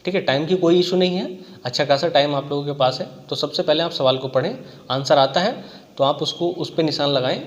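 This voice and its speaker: A man with a fairly high voice coaches students on exam strategy. He talks in a conversational way, pausing to check that they follow and working through examples. The recording is muffled, with a long reverb behind him.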